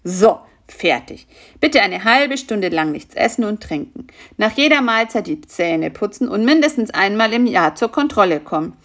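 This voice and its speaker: A woman voicing a fussy, polite male mosquito dentist, brisk and professional. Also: mid-range voice, big pitch swings, fairly bright tone.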